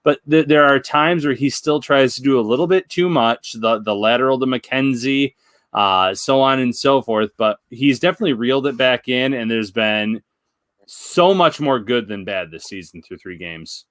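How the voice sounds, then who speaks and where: A man's voice: mid-range voice, moderate pace, a bit bright, no echo, clean studio sound. A man co-hosting a casual sports talk show, breaking down plays in an analytical way. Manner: analytical, builds points with examples. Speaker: podcast co-host.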